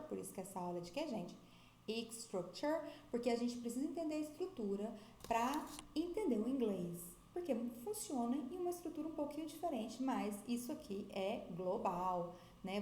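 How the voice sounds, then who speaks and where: A fairly high-voiced Brazilian woman gives a lively English grammar lesson. She switches between English and Portuguese and slows down to stretch out her examples. Her voice rings in an echoey room. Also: slight background noise. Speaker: English teacher. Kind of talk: video lesson.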